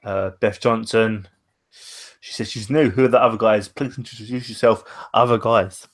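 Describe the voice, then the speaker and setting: A man with a slightly low voice hosts a podcast. He talks in an informal, chatty way, as in a casual conversation. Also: steady tone, moderate pace. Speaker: podcast host. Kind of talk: casual chat.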